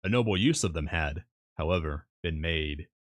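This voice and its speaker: Deep-voiced man reading a novel aloud. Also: lively intonation, moderate pace, no room sound. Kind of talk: audiobook-style narration of a classic novel. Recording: music playing behind the voice. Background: background music.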